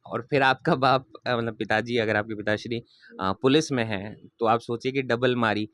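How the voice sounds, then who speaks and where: A man's voice: mid-range voice, fairly even intonation, moderate pace, fairly bright tone, no echo. Young man, earnest interviewee, emphatic and firm. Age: 20s. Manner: earnest and emphatic, repeats promises. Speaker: interviewee, local political candidate. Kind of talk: interview answers.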